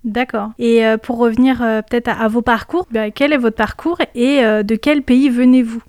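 A woman with a smooth, slightly high voice, interviewing guests with polite, hesitant questions. Her voice is dry and close to the mic. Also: fairly even intonation, normal speed, a little mellow, no room sound.

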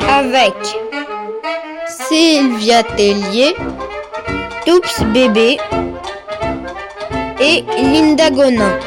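A woman's voice: high-pitched, full character voice. A woman playing an old radio serial announcer, drawing out the credits. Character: high-voiced, drawn-out serial credits announcer. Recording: loud brassy theme music behind.

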